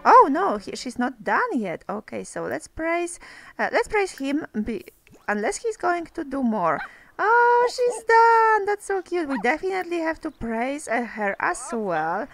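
With no room sound, a lively woman with a high voice narrates her gameplay casually and a little slowly as a let's play host, addressing her characters in non-native phrasing. She's coming down with something, and her voice is slightly off.

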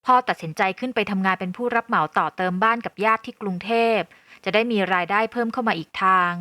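A woman narrating a first-person audio novel in a calm, even storytelling voice. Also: medium pitch, fast, no echo.

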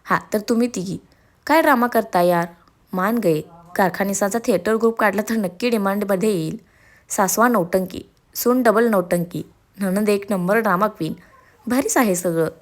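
A woman's voice: a little high, fairly quick. Brief: woman voicing a joking, sarcastic young man, hyper and complaining, storybook style.

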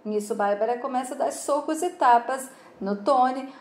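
A woman's voice: sits high, moderate pace. A woman narrating a casual, chatty recap of a soap episode, with fillers, in a roomy recording. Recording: roomy echo.

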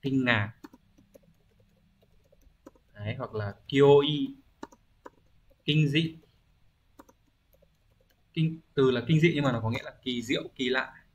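A man's voice: mid-range voice, takes it slowly, long pauses. Patient man teaching a language lesson. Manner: explains patiently, asking rhetorical check-in questions; thinks aloud with frequent hesitation fillers. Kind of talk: recorded online exam-review lesson.

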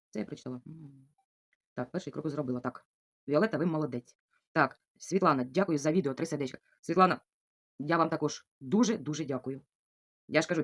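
Fast-talking chatty woman. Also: deep voice. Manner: chatty, confiding, keeps asking the viewer "you know?". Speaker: vlogger answering viewer comments. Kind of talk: casual chat to camera. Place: at home.

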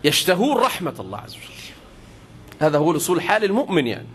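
A male preacher with an Egyptian Arabic accent delivers a storytelling sermon. He acts out the dialogue in the stories, his somewhat high voice rising for the questions and dropping low for the replies. A faint noise sits under the recording. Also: wildly swooping pitch, very fast, fairly bright tone.

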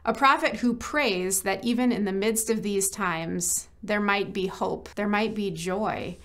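A woman from church ministry staff giving a short devotional message, telling a personal story gently and reflecting on scripture. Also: medium pitch, a little slow.

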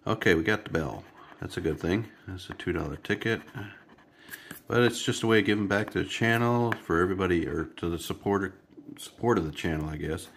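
Speaking a little fast in a deep, fairly bright voice, this scratch-off channel host sits at his kitchen table with a congested, stuffy nose. A faint hiss or hum runs underneath as he rambles chattily to his audience while scratching tickets in a casual commentary.

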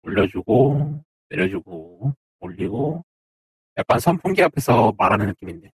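Low gravelly guy muttering through a choppy fan-like voice changer. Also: sing-song, normal speed, rough recording. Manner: muttering short commands to himself. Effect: fluttering voice-changer effect, like talking into a spinning fan. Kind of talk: casual trial of voice-changer presets.

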